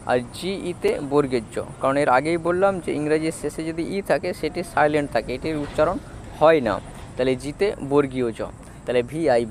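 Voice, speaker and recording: Patient man teaching spelling slowly. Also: on the high side, darkish tone, a little hiss or hum. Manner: patient, repeats each syllable. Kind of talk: slow spelling lesson.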